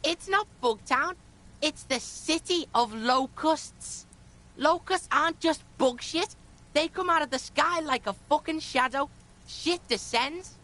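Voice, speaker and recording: A woman's voice: sits high, a little slow, bright, forceful tone. A woman voicing a foul-mouthed, aggressive young boy in a video game, crude and rambling. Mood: brash.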